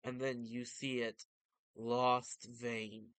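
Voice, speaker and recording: Smooth-voiced man giving casual manga commentary. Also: medium pitch, level tone, slow pace, a bit bright, no room sound. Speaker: vtuber reading and commenting on manga.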